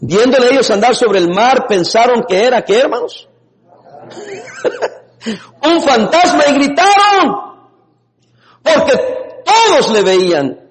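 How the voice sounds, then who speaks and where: A man preaching a lively sermon as a pastor, laughing now and then and breaking into sudden shouts. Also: extremely high pitch, slow, long pauses. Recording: long reverb in a hall.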